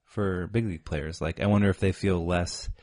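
Deep-voiced man sharing trivia. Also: fairly even intonation, moderate pace, darkish tone, no echo, studio quality. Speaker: podcast co-host. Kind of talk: casual chat.

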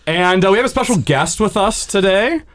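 A man hosting a relaxed movie podcast, his pitch a touch higher than most and bouncing all over the place. He jokes around with his co-hosts and stretches out words for effect. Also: normal speed. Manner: animated, jokey, playful voice swoops. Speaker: podcast host. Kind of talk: casual movie podcast chat.

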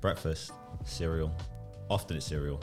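A man's voice: extremely low pitch, steady tone, moderate pace, faint music behind. A man in his thirties with a South London accent, an easygoing, teasing guest on a casual podcast. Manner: easygoing, teasing, lots of "yeah, yeah". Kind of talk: casual chat.

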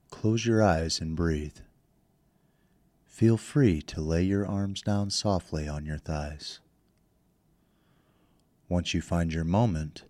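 A man leading a guided meditation in slow, soothing instructions, speaking into a close microphone. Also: low-pitched, a little mellow, no room sound.

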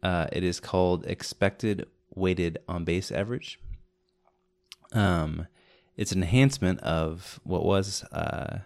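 A man co-hosting a podcast, calmly explaining a statistic in measured terms. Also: low-pitched, gravelly, no room sound. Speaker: podcast co-host. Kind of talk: explaining stats in podcast chat.

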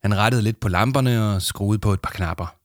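A man's voice: fairly low pitch, no room sound, clean studio sound. A man reading a children's story aloud for his podcast, casual and self-deprecating between chapters. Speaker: podcast host and reader.

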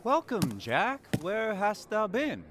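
An actor playing a prince's roguish companion, quick to threaten, in Shakespearean stage style. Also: male voice, high voice, huge pitch swings, background noise, exaggerated voice. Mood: wry, merry.

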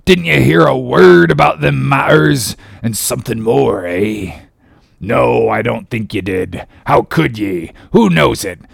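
An actor playing a ragged, ominous old sailor who talks in cryptic warnings and sometimes bursts out shouting. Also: male voice, mid-range voice, dry recording, studio quality, exaggerated voice. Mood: agitated. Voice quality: gravelly, growling. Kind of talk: audiobook drama acting.

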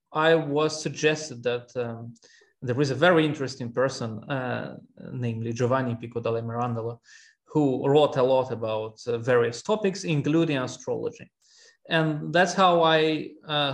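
A man from Armenia, a historian guest in an interview, speaking haltingly with many fillers and restarts. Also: mid-range voice, vocal fry. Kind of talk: academic interview.

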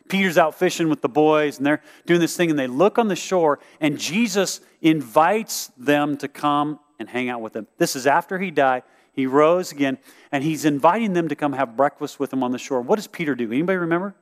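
A man preaching a sermon, telling the story in a lively way and acting out what people said. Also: a little high, in a large hall. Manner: animated storytelling, acts out quotes. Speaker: pastor.

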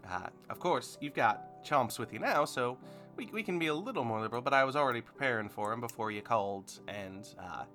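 A woman's voice: very deep voice, animated, fairly quick, fairly bright tone, faint music behind. A game master doing a stern, prim mother. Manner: stern, scolding, formal. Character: strict motherly woman, Charlie's mom.

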